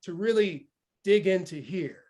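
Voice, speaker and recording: A man of about fifty, his voice high-pitched and unhurried, hosts a morning motivational session. He's bursting with energy and keeps checking in with "right?" as he talks.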